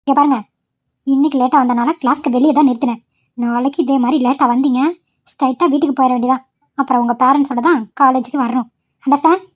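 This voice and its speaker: A woman's voice: high voice, fairly even intonation, fast, voice pushed down. A woman putting on the voice of a strict female college teacher who scolds two late students. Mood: stern. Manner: stern, scolding.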